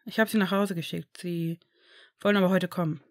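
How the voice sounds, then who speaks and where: A woman voicing a young male healer who scolds his injured friend in a brisk, worried way, read from a fan fiction story. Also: lowish voice, steady tone, no room sound, studio quality, lightly acted. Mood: scolding.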